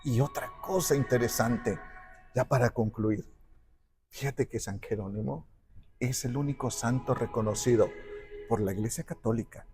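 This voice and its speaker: A man telling a saint's life in conversation, acting out the quoted dialogue with lively shifts. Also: mid-range voice, moderate pace, soft background music. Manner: animated, acts out quoted dialogue. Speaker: guest speaker on the parish patron saint. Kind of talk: conversational storytelling.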